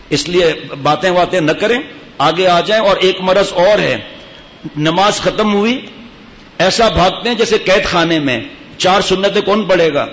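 A man's voice: high-pitched, a bit bright. A middle-aged man preaching a Friday sermon as imam, scolding the congregation with rhetorical questions. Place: mosque. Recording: dull lo-fi sound with faint hiss.

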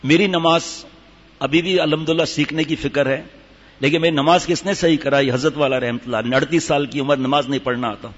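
An older male religious teacher gives a sermon to a gathering, telling stories and demonstrating recitation. His voice is on the high side with fairly even intonation, heard through dull hall reverb.

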